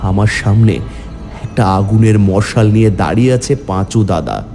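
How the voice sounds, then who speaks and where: In a cartoon, a man voices a frightened, hungry village man narrating his own ghost tale in the first person, grave and theatrical, rising into high pleading. His tone is dark at a normal speed, lightly acted, with faint music behind.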